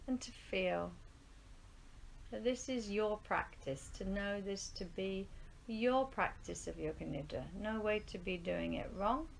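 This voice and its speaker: In a rough recording, a yoga nidra teacher with a mid-range voice talks a live group through guided relaxation at a rural studio. Her delivery is soothing and unhurried, full of long pauses, with phrases fading to a breathy near-whisper, while faint noise and outdoor birdsong fill the background.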